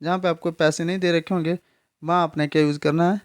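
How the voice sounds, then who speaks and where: Smooth-voiced man teaching grammar. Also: fairly high pitch, little pitch movement. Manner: explains patiently, repeats words and asks "ठीक है?"; spells words out slowly letter by letter. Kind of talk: classroom grammar lesson.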